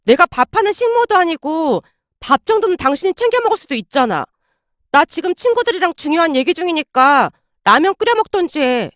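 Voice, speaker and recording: A woman's voice: extremely high pitch, sing-song, brisk, fairly bright tone, no room sound, studio quality, pitched above the performer's own voice, heavily acted. A woman voicing a self-centered young wife who protests shrilly and defensively. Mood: dismissive.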